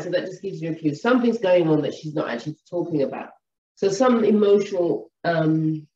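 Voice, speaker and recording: A woman and mother teaching about relationships in an animated storytelling way, acting out what people say. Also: lowish voice. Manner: animated, storytelling, acts out quotes. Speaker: wellness teacher. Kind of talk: advice monologue. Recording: echoey room, distant mic, dull sound.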